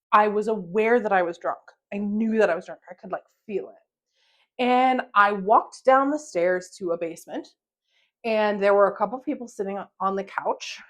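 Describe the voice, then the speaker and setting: A young woman hosting a podcast, telling a story in casual chat, swearing and laughing often. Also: on the high side. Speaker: podcast host.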